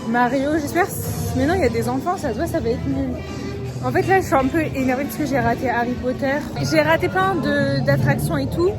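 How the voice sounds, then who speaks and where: A young woman vlogging into her phone at a crowded theme park, flustered, exasperated and rushed. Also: sits high. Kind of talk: casual travel vlog to camera.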